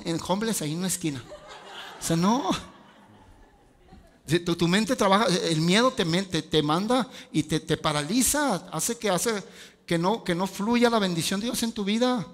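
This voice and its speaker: High-voiced preaching man. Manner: lively preaching with rhetorical questions and asides. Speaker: pastor. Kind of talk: sermon. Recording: long hall reverb.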